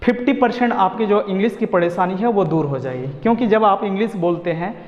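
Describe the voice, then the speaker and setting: A man teaching an online English pronunciation lesson, explaining slowly and repeating each point step by step. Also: high-pitched, a little mellow. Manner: slow and repetitive, explaining step by step. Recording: echoey room, dull lo-fi sound.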